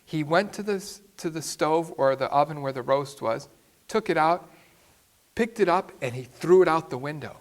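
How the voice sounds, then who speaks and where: A man's voice: on the high side, expressive, normal speed. A man, a priest, telling a story in a sermon with an emphatic way of speaking.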